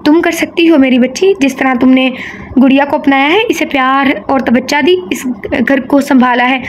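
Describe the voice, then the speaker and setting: A woman voicing a loving, gentle old grandmother in an audio novel, soothing and tender. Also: high voice, moderate pace, a little hiss or hum, lightly acted. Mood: encouraging.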